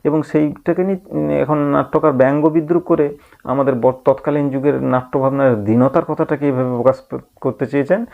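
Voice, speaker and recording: A man's voice: medium pitch, vocal fry. A male teacher reading a play aloud and explaining it in a lesson, thinking aloud with many hums and restarts. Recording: tinny phone-like audio.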